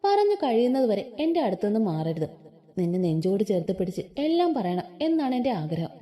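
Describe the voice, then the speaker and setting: A woman voicing a young male lecturer who is tender and possessive, speaking low and hushed. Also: very animated, a little fast, natural voice.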